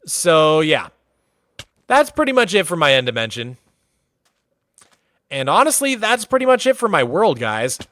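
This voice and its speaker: Speaking a little slowly with frequent pauses, this man's voice sits on the high side in a dry recording. He's a Massachusetts, USA native giving casual livestream commentary while exploring a game world, easygoing and chatty with plenty of "like" fillers.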